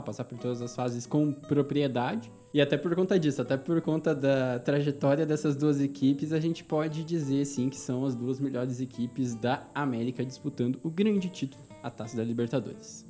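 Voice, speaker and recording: A man's voice: mid-range voice, moderate pace, few pauses, dark tone, soft background music. A man on a football panel, eagerly chiming in with facts in a casual debate.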